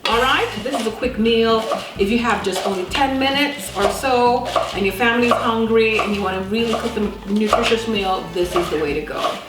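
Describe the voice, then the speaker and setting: A fairly high-pitched Jamaican woman of about fifty hosts a casual cooking show at normal speed, barely pausing, chatty and emphatic as she fires questions at the listener. The clip is very noisy, with a roomy echo, loud music, clattering pots and stirring behind her.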